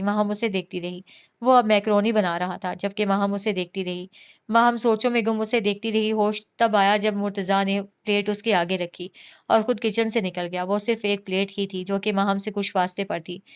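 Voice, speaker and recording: Smooth-voiced woman reading a romance novel. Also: medium pitch. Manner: steady storytelling. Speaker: audiobook narrator.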